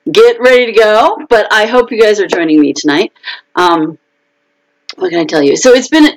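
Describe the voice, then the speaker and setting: A woman's voice: on the low side, low-quality recording. A woman author chatting casually on her own live video stream, talking through frustrations with fillers and restarts.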